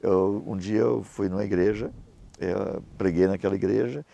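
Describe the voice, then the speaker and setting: This man's voice is lowish and gravelly, moving at normal speed, and the recording has its highs cut off. He's a middle-aged pastor and missionary whose sermon is full of lively anecdotes in which he imitates the people he quotes.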